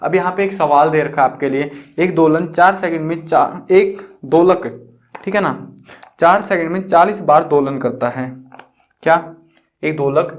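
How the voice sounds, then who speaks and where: A man's voice: on the high side, a little slow. A young man teaching school science in a chatty, teasing way, asking questions and answering them himself. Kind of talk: casual classroom explanation.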